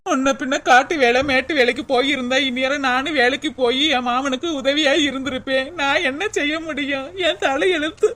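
A woman's voice: sits high, steady tone, a little fast, few pauses, a bit bright. A woman voicing a young village wife in a cartoon, who cries and pleads with her mother. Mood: crying. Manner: tearful, pleading. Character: young married village daughter, uneducated and self-doubting. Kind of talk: cartoon voice acting.

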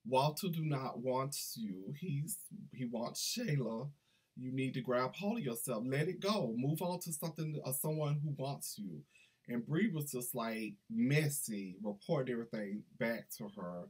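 A man's voice: medium pitch, measured pace, breathy edge. A middle-aged man chatting enthusiastically through a casual book review vlog, recorded at his desk on a webcam in a small room. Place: small indoor room with banners.

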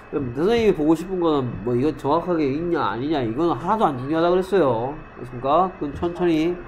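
A man with a slightly high voice leads an English grammar class, calling on students by name and drilling them. He reads English sentences slowly and clearly, then switches back to explain. Faint noise from the room can be heard behind him. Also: lively intonation. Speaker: English teacher. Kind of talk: classroom lesson.

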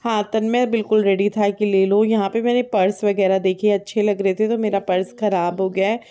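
A woman's voice: medium pitch, flat delivery, brisk, warm tone. A woman in her thirties narrating a family vlog, chatting in a homely way about prices and shopping, filmed on a phone held at arm's length. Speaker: family vlogger. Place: busy indoor shopping mall.

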